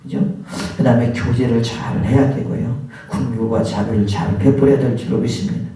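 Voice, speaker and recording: 설교하는 남자 목사, 울리는 예배당. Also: male voice, medium pitch, steady tone, brisk, mellow. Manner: asks the congregation rhetorical questions; acts out scolding voices in the examples. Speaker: pastor. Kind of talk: sermon. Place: church sanctuary. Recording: very echoey church hall, mic at a distance.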